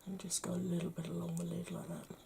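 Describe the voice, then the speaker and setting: A British woman talking through a makeup tutorial, chatty and playful, often dropping to a soft murmur. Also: on the low side, little pitch movement, quick pace, vocal fry, a little hiss or hum. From United Kingdom. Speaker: beauty vlogger.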